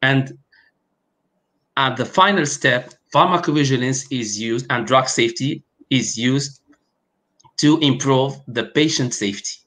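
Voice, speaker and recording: Medium in pitch and fairly bright in tone, this man speaks haltingly, with frequent fillers and restarts. He is from Algeria, has Arabic and French as his first languages, and is a guest pharmacovigilance specialist interviewed online over video call from a room in his home.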